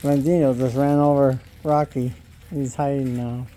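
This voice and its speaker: An American man on a homestead who makes calm, short remarks about the animals. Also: medium pitch, normal speed.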